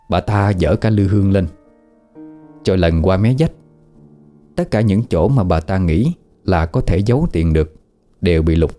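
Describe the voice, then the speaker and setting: A man narrating a ghost story in a calm, measured storytelling manner. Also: sits low.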